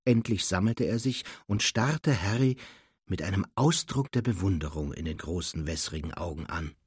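A male audiobook narrator tells the story in a lively voice that shifts up and down. His tone is slightly husky, and the recording is close and dry with no room sound. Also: low voice, moderate pace, no echo. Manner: expressive storytelling. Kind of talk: scripted narration.

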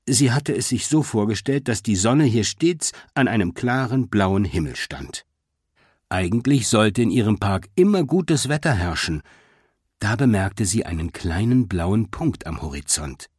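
Casting: male storybook narrator, low and husky, lively delivery, dry close sound. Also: no echo. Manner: expressive storytelling. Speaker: audiobook narrator.

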